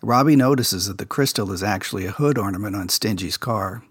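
Recorded dry with clean studio sound, a man with a fairly low, breathy-edged voice talks a little fast. Hosting a podcast, he casually goes over a children's TV episode and swaps production stories from behind the scenes, sounding like a laid-back insider.

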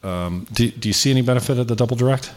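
A man's voice: medium pitch, rapid-fire. A man with a Canadian accent hosting a casual political interview in an informal, joking way. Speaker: interview host.

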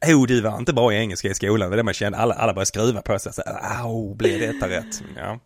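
A man's voice: fairly low pitch, steady tone, no echo, clean studio sound. A man co-hosting a casual chat, a playful storyteller who acts out the voices in his stories. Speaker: podcast co-host.

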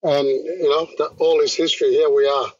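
A man from Australia, answering interview questions in a relaxed, chatty way. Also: on the high side, a little fast, breathy edge, no echo. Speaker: guest, rugby league organizer. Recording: dull lo-fi call audio.

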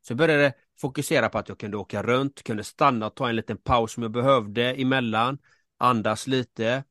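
In a studio-quality recording with no room sound, a coach co-hosting a casual podcast speaks in a mid-range, fairly bright voice with fairly even intonation. He earnestly recounts something from his own life, repeating himself for emphasis and addressing listeners in asides.

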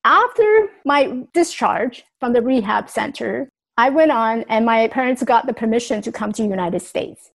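An adult woman from Taiwan tells her life story in an earnest, reflective way, making small grammar slips. Her voice is a little high and gravelly, with lively intonation and normal speed. The audio quality is poor.

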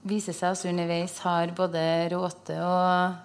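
A woman's voice: on the low side, monotone. A woman hosting an interview, talking in a thoughtful way and searching for her words as she goes. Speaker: host. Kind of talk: conversational interview.

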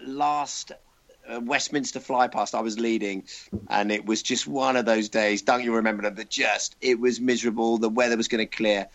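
A former military pilot telling an enthusiastic flying story on a podcast. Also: male voice, mid-range voice, a bit bright. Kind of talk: casual podcast chat.

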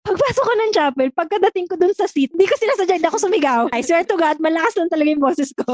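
High-pitched woman, chatty and animated, code-switching, dry recording. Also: very fast, no room sound. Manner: animated storytelling, laughs often, switches between Tagalog and English. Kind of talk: casual chat.

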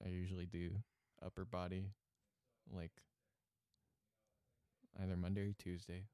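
A man's voice: low voice, completely flat delivery, a little slow, dark tone, smooth, dry recording. A young man co-hosting a podcast in casual chat, playful and laughing often. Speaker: podcast co-host.

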